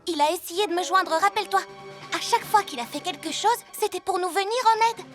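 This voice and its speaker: A woman voicing an impulsive, brave child superhero in a French animated series, eager and urgent. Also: very high-pitched, fairly quick, over loud music.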